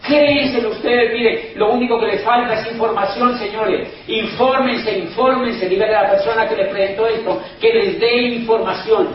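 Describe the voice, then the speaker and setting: A man's voice: sits high, steady tone, normal speed, hardly any pauses. A man giving an emphatic, persuasive business speech to a live audience, repeating his points and often calling out to the crowd. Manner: emphatic, repetitive, keeps addressing the crowd as "señores". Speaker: motivational business speaker. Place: event hall in Madrid. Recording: very echoey hall, distant mic, dull sound, faint noise.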